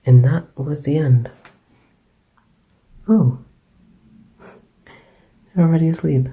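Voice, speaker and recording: A man voicing a gentle young boyfriend who soothes his partner to sleep, in a whispered role-play, raspy and sick. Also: on the high side, slow, exaggerated voice. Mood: tender.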